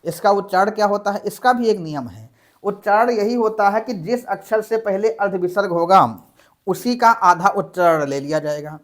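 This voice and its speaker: Man, grammar teacher, explains step by step, slows to spell out examples. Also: high-pitched, expressive. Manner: explains step by step, asking and answering his own questions. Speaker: Sanskrit teacher. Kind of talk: blackboard grammar lesson.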